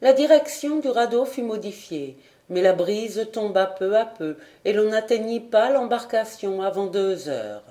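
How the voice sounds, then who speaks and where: A woman reading a classic adventure novel aloud in a clear, measured narration. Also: mid-range voice, lively intonation, warm tone. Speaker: audiobook reader. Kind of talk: scripted narration.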